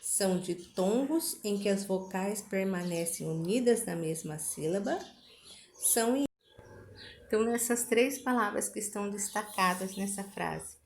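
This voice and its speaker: A woman's voice: mid-range voice, creaky, a little hiss or hum. A woman teacher reading a school lesson aloud, patient, going through the exercises word by word.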